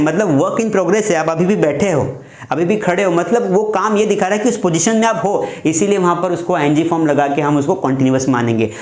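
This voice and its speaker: Brief: male teacher, voice pitched a little high, patient step-by-step explainer, echoey room. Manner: explains step by step, repeats examples. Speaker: English teacher. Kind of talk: classroom grammar lesson.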